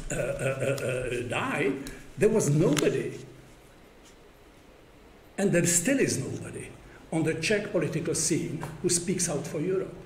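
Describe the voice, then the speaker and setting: Older man lecturing in an echoey room. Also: fairly high pitch. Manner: hesitant, many stacked fillers, wry chuckles. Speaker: conference speaker. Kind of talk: academic conference talk. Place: university seminar room. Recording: echoey room, faint background hum.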